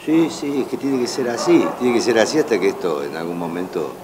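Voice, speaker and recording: A man's voice: lowish voice, big pitch swings, brisk. An older man, a café customer speaking earnestly to a reporter's handheld mic. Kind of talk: street interview. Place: indoors at a café table by the window. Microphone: reporter's handheld mic held close. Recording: noisy café background.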